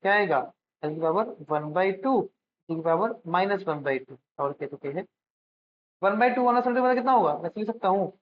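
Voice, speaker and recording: On a dull, lo-fi recording with faint noise, a male physics teacher works through a problem as he writes it out. His voice is high-pitched and animated at a moderate pace, and he answers his own questions, checks in with his students and affectionately addresses them as "beta."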